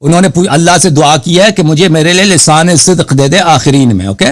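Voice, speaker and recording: A man hosting a live call-in show, arguing hotly with a caller, cutting him off and reciting Arabic scripture slowly. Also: on the high side. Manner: combative, keeps cutting the caller off. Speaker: host. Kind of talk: heated live call-in debate.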